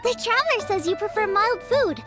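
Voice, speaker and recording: A cheerful, earnest young girl chef from a video game speaks in an extremely high, lively, girlish voice, eager and expressive, at a moderate pace. Music plays clearly behind her.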